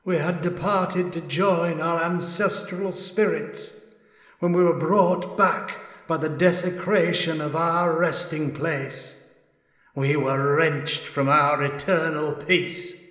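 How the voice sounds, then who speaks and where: A man's voice: a little high, fairly even intonation, takes it slowly, fairly bright tone, pitched above the performer's own voice. A man voicing an ancient dwarf ghost who pleads in anguish, full of long suffering. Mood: pleading. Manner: mournful, echoing with ages of suffering.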